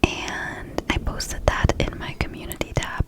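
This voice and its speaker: Female ASMR host, close-miked whisper, drowsy and unhurried, casual chatting with tingly word repetition. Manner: repeats words for tingles; slow, sleepy delivery. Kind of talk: whispered ASMR chit-chat. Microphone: close mic, right by the mouth.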